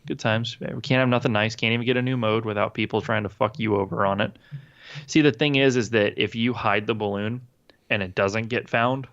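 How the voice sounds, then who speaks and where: A low-voiced man with a gravelly edge co-hosts a casual gaming podcast, rambling through his points with plenty of fillers, restarts and swearing. His voice comes through a dull, lo-fi remote recording. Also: steady tone, fairly quick, a bit bright. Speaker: podcast co-host.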